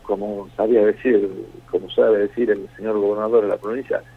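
Gravelly Argentine minister on phone line. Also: male voice, lowish voice, little pitch movement, brisk, no room sound. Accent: Argentine Spanish. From Jujuy, Argentina. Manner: hesitant, repeats words, then emphatic listing. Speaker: provincial minister. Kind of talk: radio interview by phone. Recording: tinny phone line, dry.

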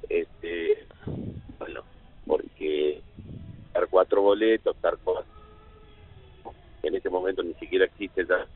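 A man with an Argentine accent speaks as a union leader in a radio interview. His phone line keeps breaking up, and his speech comes out halting and in pieces. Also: low-pitched, steady tone, slightly rough. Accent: Argentine Spanish. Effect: phone line breaking up, cutting in and out. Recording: crackly, noisy phone line.

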